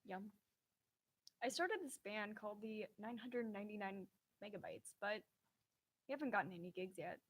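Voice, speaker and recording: A woman with a husky, mid-pitched voice tells short corny jokes in a contest. She moves from setup to punchline like a competitor trading dad jokes. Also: animated, normal speed, pauses often. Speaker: joke contestant.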